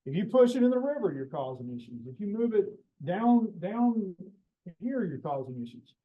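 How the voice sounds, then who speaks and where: Guy doing his practical botanist pal, earnest and matter-of-fact, voice pitched up a bit. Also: big pitch swings, moderate pace, narrow, tinny audio. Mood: explaining. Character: practical, upbeat male botanist colleague.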